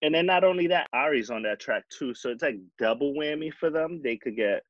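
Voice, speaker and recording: A man who is a guest on a casual fan chat, talking in a relaxed, chatty way. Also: a little high, a little fast, dry recording. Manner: relaxed, chatty, with fillers and laughs. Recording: dry, dull lo-fi audio.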